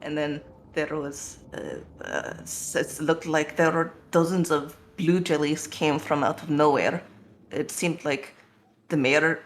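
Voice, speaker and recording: A player improvising tabletop role-play narration in a halting, rambling, self-correcting way. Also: mid-range voice, animated, a bit bright, a little hiss or hum.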